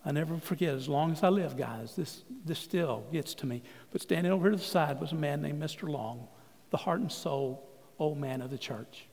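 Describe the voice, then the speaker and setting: Casting: preacher, gravelly, raised pitch, folksy storyteller, sanctuary reverb. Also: male voice, normal speed, a little mellow. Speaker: pastor. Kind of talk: storytelling sermon. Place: church sanctuary. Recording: long hall reverb.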